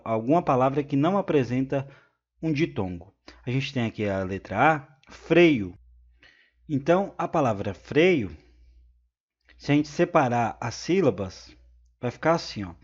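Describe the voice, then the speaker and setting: A man's voice: medium pitch, a little mellow. Brazilian male tutor, exam-prep lesson, repeats points, keeps asking "right?", muffled lo-fi audio. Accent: Brazilian Portuguese. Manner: repeats points, frequent "né?" checks with viewers. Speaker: teacher. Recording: slightly dull lo-fi sound.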